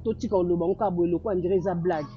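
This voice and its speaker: A woman's voice: fairly high pitch, lively intonation, warm tone, close to an everyday voice. A woman playing a blunt, scolding friend. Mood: insistent. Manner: insistent, scolding, quick interruptions. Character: worried, outspoken young woman friend. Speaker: friend giving advice. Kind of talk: film drama acting. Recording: dull lo-fi sound with faint music.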